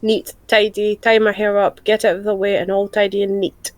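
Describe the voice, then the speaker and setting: A woman's voice: medium pitch, level tone, moderate pace, dry recording. Playful woman playing a tabletop game. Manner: playful, chatty. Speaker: player. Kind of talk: casual chat and in-character play. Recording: dry with faint background music.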